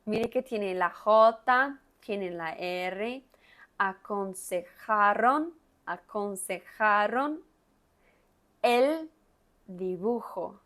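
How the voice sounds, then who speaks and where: A woman Spanish teacher leading a guided reading lesson, repeating words slowly and stressing each sound hard as she drills pronunciation. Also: medium pitch, fairly bright tone.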